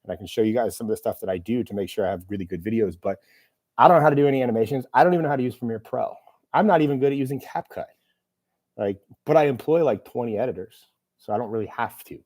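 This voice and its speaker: A man with a darkish, medium-pitched voice talks very fast while hosting a casual live Q&A stream. He's rambling and self-deprecating, filling his speech with fillers, and a camera operator shares the room.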